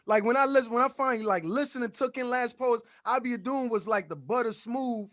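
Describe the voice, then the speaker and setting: Man in group talk, very high voice, earnest, fills with "like". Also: brisk, fairly bright tone, no echo, studio quality. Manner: earnest, uses fillers like "like" and "you know what I mean".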